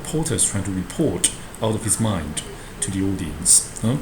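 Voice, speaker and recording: A man's voice: low voice, lively intonation, normal speed. A man lecturing like a professor to students, explaining a play text and often adding short tag questions. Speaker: university lecturer teaching a Shakespeare class. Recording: roomy echo with clear background noise.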